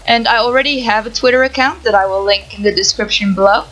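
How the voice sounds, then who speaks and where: A young Dutch woman, a gaming YouTuber, reads Q&A answers to camera without a face cam, recorded as voice-over at her home setup. She has a Dutch accent and a fairly bright, higher voice at a quick pace, with faint music behind and a rough recording quality.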